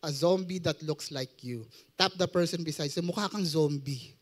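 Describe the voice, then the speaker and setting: A man's voice: fairly high pitch, moderate pace. A young adult man with a Filipino accent preaching a sermon, joking and quizzing his audience as he mixes Tagalog and English.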